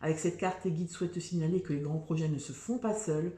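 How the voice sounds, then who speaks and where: A woman's voice: low-pitched, fast, warm tone, echoey room. A woman giving a casual, chatty tarot reading, full of fillers, restarts and "tu vois". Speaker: tarot reader.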